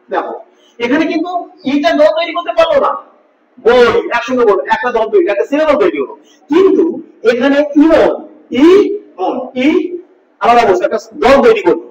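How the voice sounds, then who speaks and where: A male teacher giving a grammar lesson, patiently repeating each point and asking his students questions. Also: extremely high pitch. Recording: echoey room, distant mic, dull lo-fi.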